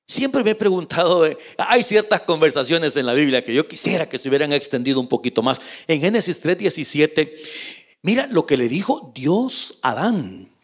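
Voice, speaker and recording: A male preacher delivers a dramatic sermon in a high, very animated voice. He reads scripture aloud and speaks straight to his congregation. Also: moderate pace. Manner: addresses the congregation directly.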